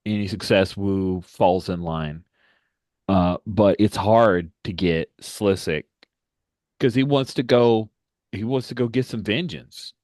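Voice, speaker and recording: Very deep-voiced male game master. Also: slow pace, a little mellow, no echo. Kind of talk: casual tabletop game talk.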